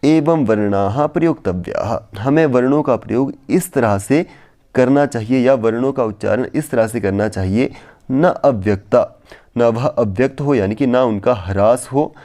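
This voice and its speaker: Male Sanskrit tutor, warm dark tone, chants verses slowly then explains patiently. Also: medium pitch. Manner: recites verses slowly, then explains in repetitive plain Hindi. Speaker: Sanskrit teacher. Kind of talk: explanatory lesson on phonetics.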